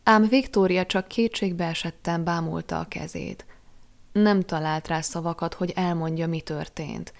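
A woman narrating an audiobook in a measured, expressive storytelling manner. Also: lowish voice, gravelly. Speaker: audiobook reader.

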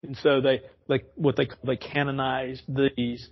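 A man's voice: medium pitch, little pitch movement, a little slow, gravelly, muffled recording. A man teaching an informal Bible study in a church, rambling and correcting himself as he explains. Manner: rambling, self-correcting, chuckles often. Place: church classroom.

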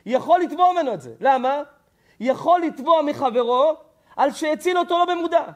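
A rabbi teaches a Torah lesson as a lively storytelling sermon, posing questions to the audience and answering them himself. He swings between loud exclamations and hushed, low asides, and the audio sounds dull.

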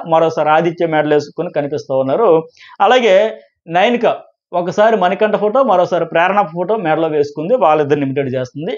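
A man talks very fast in a rambling commentary, his voice sitting a little high. The sound is dull and lo-fi. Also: a little mellow. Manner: rapid, rambling delivery with frequent restarts. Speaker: Telugu reality show reviewer. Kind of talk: casual commentary to camera.

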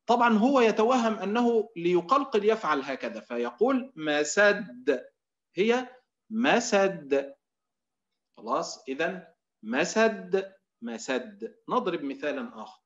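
A man's voice: high voice, sing-song. Lecturing man on a muffled call. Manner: explains with drawn-out demonstration readings; often fills pauses with Egyptian "إيه". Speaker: Quran recitation teacher. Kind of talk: online lecture on recitation.

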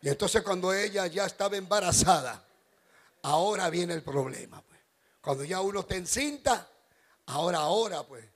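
A middle-aged man, a pastor preaching a joking wedding sermon as an animated storyteller who bursts into shouts. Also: high-pitched, normal speed. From Ecuador.

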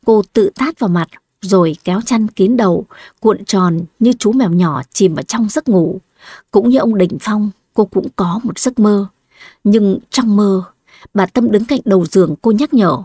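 Woman narrator, steady measured storytelling, breathy voice, dry close mic. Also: mid-range voice, dry recording. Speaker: audiobook narrator.

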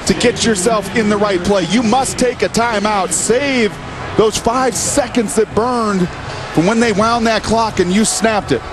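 A man's voice: sits high, measured pace, music in the background. A man working as a color commentator, explaining and judging football plays in an opinionated way. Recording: broadcast with loud background noise.

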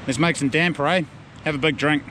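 A man's voice: a little high, fairly even intonation, a little fast. Easygoing New Zealand man outdoors. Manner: easygoing, matey, chatty with his son. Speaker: vlog host and father. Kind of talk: casual outdoor vlog chat. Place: outdoor bush campsite at night. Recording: outdoor recording with clear background noise.

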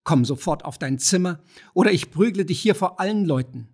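A husky man voicing a middle-aged mother who hurries through her scolding, fussing and pleading like someone ashamed in public. The voice sits fairly high and a little breathy, and it is read as an audiobook character. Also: animated, a little fast, darkish tone, full character voice. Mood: stern.

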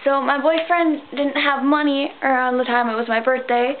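A sixteen-year-old girl vlogging at night in her bedroom, rambling and tired, with sudden squeals of excitement. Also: sits high, normal speed. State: tired, sleepy. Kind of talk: rambling casual vlog. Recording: tinny phone-like sound, faint hiss.

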